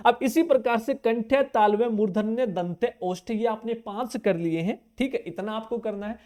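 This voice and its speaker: A man's voice: sits high, moderate pace, dark tone. Drilling male grammar teacher. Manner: asks the class questions and answers them himself; repeats key terms over and over, drilling. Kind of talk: exam-prep grammar lesson.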